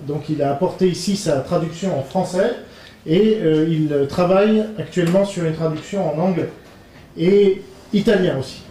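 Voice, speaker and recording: A man hosting an event and introducing the guest speaker, halting with many fillers. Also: on the high side, dark tone, a little hiss or hum. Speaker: event host. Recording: distant mic in an echoey hall with faint ambience.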